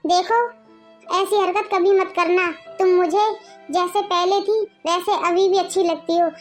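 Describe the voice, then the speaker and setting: A put-upon husband in a homemade family skit, forever lecturing and soothing his two wives, played in a strikingly high, thin voice. He talks in a coaxing, preachy way. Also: flat delivery, measured pace, soft background music. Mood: reassuring. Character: adult husband torn between two wives, placating. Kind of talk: amateur family skit acting.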